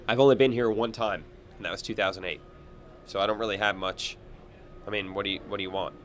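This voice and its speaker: A low-voiced man talks fast in a casual sports panel chat. A faint background noise sits behind him in the small room. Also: steady tone, a bit bright. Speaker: panel commentator. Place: small office cubicle.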